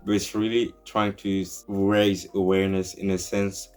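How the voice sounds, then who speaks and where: A man's voice: low-pitched, little pitch movement, normal speed, darkish tone, smooth, soft background music. A young man talking to camera in an earnest, opinionated way, rambling and restarting sentences as he argues his point. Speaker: YouTuber. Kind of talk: opinion commentary vlog.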